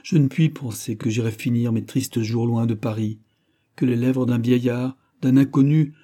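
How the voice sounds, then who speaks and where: A man's voice: mid-range voice, mellow, close to an everyday voice. A man voicing a young noblewoman, passionate and pleading, in a read-aloud story. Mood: desperate. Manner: impassioned, pleading.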